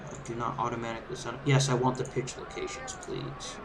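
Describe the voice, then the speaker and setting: A man's voice: mid-range voice, steady tone, brisk, background noise. A man giving casual, conversational, easygoing commentary as he hosts a let's play of a game. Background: video game crowd ambience and background music.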